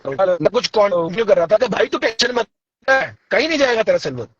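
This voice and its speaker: A man's voice: sits high, expressive, brisk, a bit bright, slightly rough, dry recording. Man on a call, voice breaking up. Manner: repeats himself, teasing. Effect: voice breaking up over a bad call connection. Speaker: guest on a live stream. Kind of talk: casual chat over a video call. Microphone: video call. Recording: dull lo-fi call audio.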